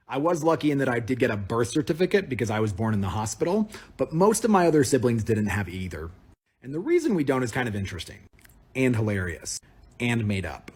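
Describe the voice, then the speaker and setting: A man's voice: mid-range voice, breathy edge. A man telling a personal story to camera in a casual, wry and emphatic way. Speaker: TikTok storyteller.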